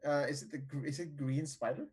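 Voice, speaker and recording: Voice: mid-range voice, fairly even intonation, a little fast, a little mellow, slightly rough. A tabletop game player talking casually, hesitant and full of fillers. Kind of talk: casual play.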